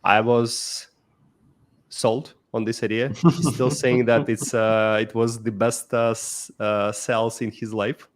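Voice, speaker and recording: A startup founder from Russia, speaking with a Russian accent, tells his life story as a guest in a casual podcast interview. His medium-pitched voice is flat and slow, full of fillers and restarts.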